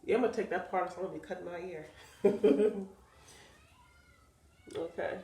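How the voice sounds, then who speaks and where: A wig seller with a stuffy, nasal voice from sinus trouble chats casually with viewers as she cuts and installs a wig in a how-to vlog. Her voice is lowish and mellow, with fairly even intonation and a moderate pace, in an echoey room.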